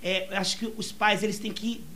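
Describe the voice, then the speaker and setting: A woman's voice: medium pitch, steady tone, fairly quick, sharp tone, slight background noise. A woman radio presenter talking casually in a studio, chatty and repeating herself with little tag questions.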